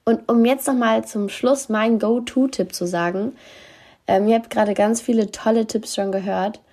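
A woman speaking as a host in a relaxed, mellow voice. She talks candidly and casually to her listeners. Her speech is slangy, with English phrases dropped in. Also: a little high, moderate pace.

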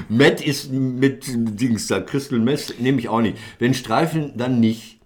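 A man co-hosting a podcast, telling a story in casual chat, acting out the other people in it with sudden high voices and laughing often. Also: slow. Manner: animated, acts out voices in his anecdote with big jumps up in pitch. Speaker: podcast co-host.

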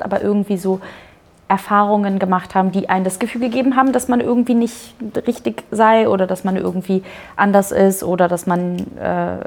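A young woman panelist talks slowly through her thoughts, casually and reflectively, her sentences full of soft fillers. Her voice sits at an average pitch. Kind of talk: live panel talk.

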